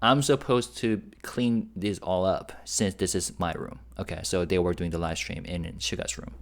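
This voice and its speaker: A man's voice: low voice, normal speed. Laid-back guy translating a livestream. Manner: relaxed, chuckles while explaining. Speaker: reaction host and translator. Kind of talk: casual commentary.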